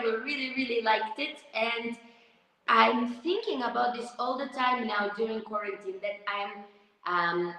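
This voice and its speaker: Woman dancer chatting on a video call, kinda high voice, big echoey room with long reverb. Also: a bit bright. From Lithuania. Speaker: dancer guest. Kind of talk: live interview chat.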